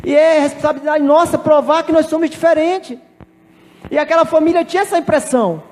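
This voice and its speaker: A pastor preaching a sermon, telling a personal testimony with emphatic repetition. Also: male voice, very high-pitched, brisk, long reverb tail. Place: church.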